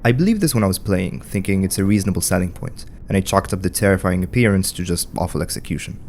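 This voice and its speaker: A man with a very low voice narrates a scripted video essay. His delivery is conversational and wry, with dry asides. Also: fast talker, a little mellow, a little hiss or hum.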